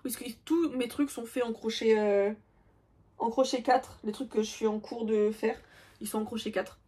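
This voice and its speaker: A woman's voice: a little high, fairly even intonation, normal speed, warm tone, breathy edge. A young woman in casual chat, showing her crochet projects with self-mocking asides and many fillers. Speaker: crochet vlogger.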